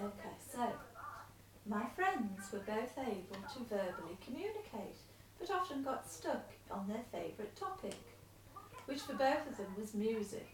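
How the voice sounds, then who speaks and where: Her voice a little high, a carer reads a letter aloud in a room at home, coaxing and encouraging patiently for a casual home video. The mic is distant, so she comes across off-mic in an echoey space.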